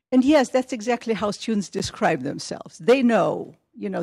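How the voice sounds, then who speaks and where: Middle-aged woman lecturing at a conference, gravelly, bit husky, lots of restarts. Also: mid-range voice, darkish tone. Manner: conversational, frequent restarts and fillers. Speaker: conference speaker. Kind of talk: academic plenary lecture. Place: conference hall.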